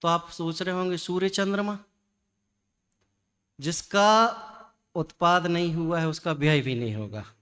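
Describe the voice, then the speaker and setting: A man giving a religious discourse, lively and full of rhetorical questions and repetition. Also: a little high, a little slow, pauses often, clean tone. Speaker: Jain scholar giving a discourse.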